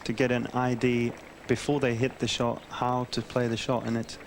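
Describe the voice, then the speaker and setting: A man with an average-pitched voice serves as golf co-commentator. He explains shots hesitantly and off the cuff, with faint noise behind him. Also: flat delivery, moderate pace.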